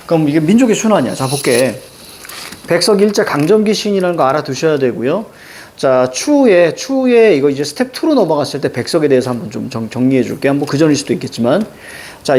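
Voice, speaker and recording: Male teacher, classroom lecture, animated pitch that rises on check-in questions, fairly high voice. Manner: lively, questioning, tags checks like "그치?". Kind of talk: classroom lecture on Korean poetry. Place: classroom with a blackboard.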